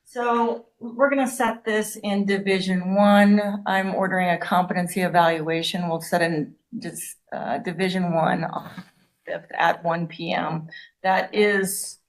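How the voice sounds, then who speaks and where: A woman's voice: fairly low pitch, steady tone, measured pace, poor audio. Stern woman judge giving firm orders. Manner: firm, stern, repeats commands. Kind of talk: courtroom hearing. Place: courtroom.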